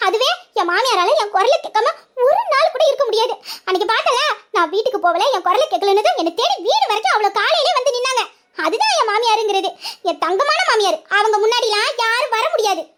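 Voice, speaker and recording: A woman's voice: very high-pitched, very animated, quick pace, background noise. A woman voicing a cheeky, sulky young bride-to-be who teases and boasts. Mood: boastful. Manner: teasing, boastful.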